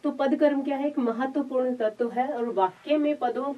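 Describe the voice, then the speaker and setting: A woman college lecturer giving a recorded lesson, explaining step by step, repeating her points and pausing on filler sounds. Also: high voice. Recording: dull lo-fi sound, distant mic.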